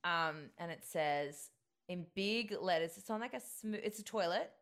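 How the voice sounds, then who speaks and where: A woman's voice: on the low side, expressive, measured pace, fairly bright tone. A hungover woman co-hosting a podcast, telling rambling, giggly stories in casual comedic chat. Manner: giggly, rambling storytelling with dramatic quoted asides. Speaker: podcast co-host.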